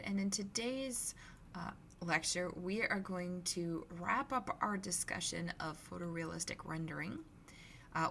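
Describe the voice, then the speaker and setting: Woman, university lecturer, scratchy hoarse voice, gravelly, relaxed conversational explaining, faint background hum. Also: fairly low pitch. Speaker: university instructor. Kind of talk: recorded lecture.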